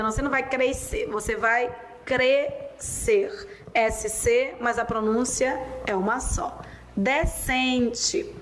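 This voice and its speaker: A Brazilian woman teaching a spelling lesson, dictating words slowly and drawing them out. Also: on the high side, slight background noise, poor audio. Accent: Brazilian Portuguese. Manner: slow, drawn-out dictation of words.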